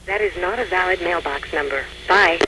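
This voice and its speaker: High male voice as a recorded phone message, flat and automated, heavy line hiss. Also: normal speed. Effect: recorded phone system message. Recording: noisy telephone line recording.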